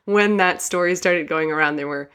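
A woman's voice: on the low side, normal speed, a bit bright, smooth. A woman co-hosting a podcast in casual chat, speaking hesitantly and asking clarifying questions. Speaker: podcast co-host.

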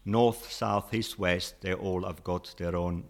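A man's voice: low voice, fairly even intonation, slow pace. A man who learned English as a second language, patiently explaining with examples in casual interview chat. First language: not English.

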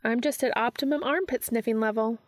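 Female narrator doing a tough, teasing young woman, lifted and lively. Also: fairly quick, dry recording, clean studio sound, lightly acted. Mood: playful teasing. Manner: bright, playful, higher and louder.

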